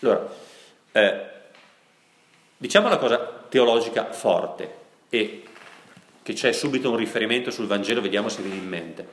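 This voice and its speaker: A priest giving a sermon, telling a story and putting questions to his listeners, often slowing down for emphasis. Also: lowish voice, reverberant. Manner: storytelling, asks the audience questions, slows down for emphasis.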